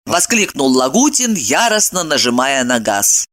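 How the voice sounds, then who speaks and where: A woman narrating a story aloud, reading in an expressive, dramatic way. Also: a bass voice, a little slow.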